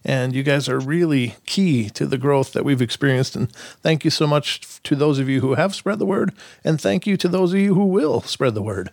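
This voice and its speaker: A man's voice: fairly high pitch, creaky, no room sound, studio quality. A man hosting a podcast in a chatty, informal and encouraging way. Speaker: podcast host and interviewer.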